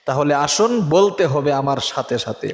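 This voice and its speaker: A man teaching a prayer as a repeat-after-me drill, urging listeners and then chanting each phrase slowly. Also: fairly high pitch, animated. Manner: urgent exhortation, then slow drawn-out chanted syllables. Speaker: religious teacher. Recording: echoey room with long reverb.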